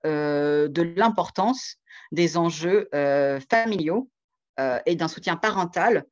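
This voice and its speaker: Hesitant man presenting over a video call. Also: a little high. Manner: measured, hesitant delivery with frequent pauses. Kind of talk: online conference presentation. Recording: dull lo-fi video call audio.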